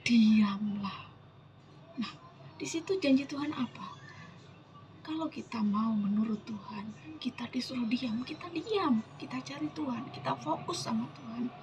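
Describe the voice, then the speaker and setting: Emotional woman with a breathy, whispery voice. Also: fairly high pitch, normal speed, background noise. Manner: emotional, often drops to a whisper, addresses listeners as brothers and sisters. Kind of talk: personal devotional sharing, reading scripture.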